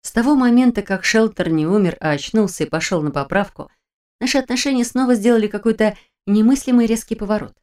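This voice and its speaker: A woman reading a first-person fantasy audiobook in a measured, expressive way. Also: mid-range voice. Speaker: audiobook narrator.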